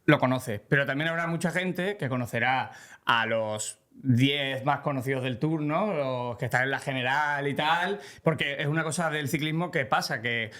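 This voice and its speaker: A man's voice: mid-range voice, moderate pace, pushed and bright. Chatty man hosting a podcast. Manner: chatty, rambling, many fillers. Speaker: podcast host. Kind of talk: casual podcast chat.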